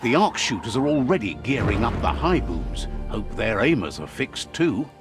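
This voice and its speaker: Over game music, a man narrates a video game in a wry, storybook manner, guiding the player forward. His mid-range voice swings widely in pitch at a normal speed.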